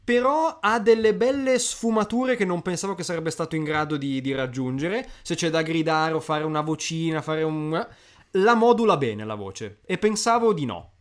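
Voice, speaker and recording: A man's voice: fairly high pitch, animated, normal speed. A man co-hosting a casual podcast, chatty and giving thoughtful opinions. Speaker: podcast co-host.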